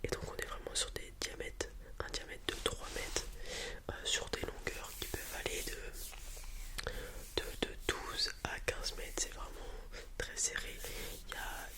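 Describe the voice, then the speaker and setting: In an ASMR roleplay, someone whispers softly and breathily as a helpful dragon breeder explaining things to a customer. The explanation is hesitant and improvised, full of pauses and repetitions.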